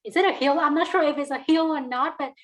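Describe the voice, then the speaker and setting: High-voiced woman, hesitant and chatty. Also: fast talker, fairly bright tone, poor audio. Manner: hesitant, many fillers and restarts. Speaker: alumna guest. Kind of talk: casual interview answers.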